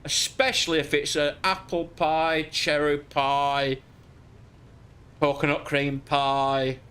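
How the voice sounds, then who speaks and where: A man's voice: fairly high pitch, level tone, slow, sharp tone, smooth. An English man streaming a truck driving game, chatting casually with crude, joking banter. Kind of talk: casual gaming chat.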